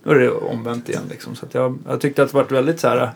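A man's voice: mid-range voice, little pitch movement, vocal fry, slight background noise. A male musician chatting casually, thoughtful and loose, full of fillers as he reflects. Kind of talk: casual interview chat.

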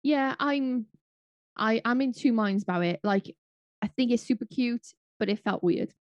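A woman's voice: a little high, unhurried, no echo, highs cut off. A woman co-hosting a casual chat podcast, opinionated and cynical, often restarting her sentences. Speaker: podcast co-host.

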